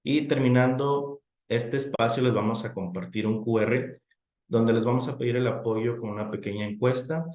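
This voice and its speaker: A man moderates the session in a steady mid-range voice, laying out how questions will work before introducing the guest. His voice carries a noticeable roomy echo. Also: mid-range voice, normal speed. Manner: friendly, scripted announcements.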